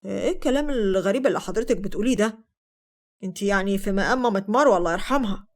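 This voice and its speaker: A woman voicing an earnest, upright young husband in a soft, lowered voice with an Egyptian accent. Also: rapid-fire, close to an everyday voice. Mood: shocked. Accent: Egyptian Arabic.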